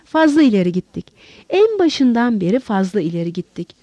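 A woman's voice: mid-range voice, very animated, fairly quick, dark tone, no room sound, highs cut off. A woman voicing an agitated, weary middle-aged male doctor in an audiobook, emotional and defensive.

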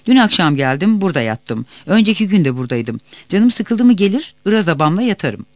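A man voicing an outspoken village woman who grumbles briskly about her family. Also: high voice, sing-song, no room sound. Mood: grumbling.

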